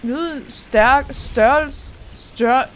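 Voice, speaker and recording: A young adult host giving let's-play commentary over a game, excitable, laughing often and dropping English words into the talk. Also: high-pitched, slight background noise. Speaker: gaming channel host.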